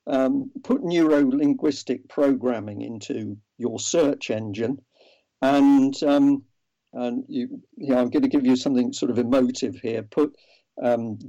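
A man being interviewed remotely answers in earnest, often restarting his sentences and filling gaps with ums. He has a warm, medium-pitched voice, captured on dull, low-fidelity audio.

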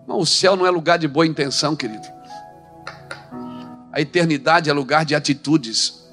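A man preaching a sermon into a handheld microphone in a church service, swinging from soft to shouting. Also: a little high, brisk, faint music behind.

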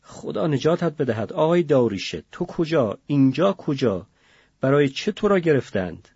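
An anxious, kind-hearted fellow prisoner who speaks with concern and a pleading lift, put on by a male audiobook narrator. His voice rides clearly higher than the narration, husky and slightly dull in sound. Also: very animated, a little mellow, dry recording, exaggerated voice. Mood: worried.

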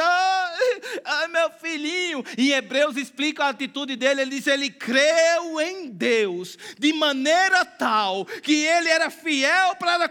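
Very high-voiced Brazilian pastor preaching. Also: male voice. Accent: Brazilian Portuguese. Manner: animated, acts out quotes in other voices; rises to shouting at climaxes. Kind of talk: sermon.

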